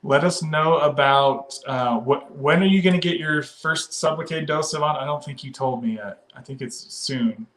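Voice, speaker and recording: On a casual livestream, a man from the western United States chats loosely, laughs often and reads viewer comments aloud. His somewhat high, slightly bright voice moves at a moderate pace with few pauses, and the audio quality is poor.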